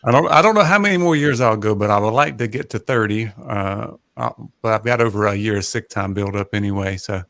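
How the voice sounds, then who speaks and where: This gravelly, soothing voice sits fairly low and belongs to a high school math teacher in his 40s from North Carolina, appearing as a guest in a casual livestream chat. Relaxed and a bit hesitant, he pauses frequently and leans on fillers. The home podcast mic gives a sound free of room noise.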